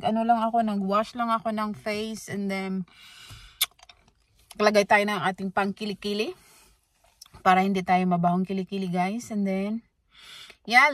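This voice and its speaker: A young adult Filipino woman vlogging casually, talking to her pets and viewers in a mix of Tagalog and English. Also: a little high. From Philippines. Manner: coos and scolds pets in baby talk, switching between Tagalog and English. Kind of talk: casual vlog chat.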